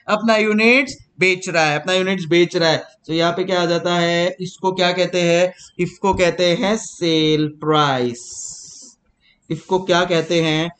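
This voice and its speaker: Playful high-voiced teacher. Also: male voice, fairly bright tone. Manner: teasing and repetitive, mixing Hindi and English. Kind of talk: playful classroom lecture.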